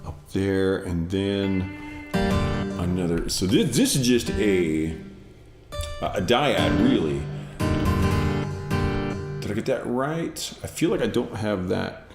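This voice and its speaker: A man with a lowish voice talks slowly while he composes on a livestream, thinking aloud and correcting himself as he goes. The room sounds roomy, and a guitar is heard clearly behind him. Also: lively intonation. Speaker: musician streaming while composing. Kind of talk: casual livestream talk while working.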